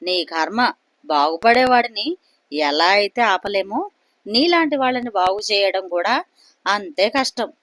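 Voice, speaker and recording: A woman's voice: medium pitch, animated, unhurried, fairly bright tone, no echo. A storybook goddess speaks with a motherly, half-scolding coaxing as she urges a man to ask for his wish, voiced by a woman narrator. The voice is dry and close. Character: indulgent goddess granting a boon, coaxing, maternal.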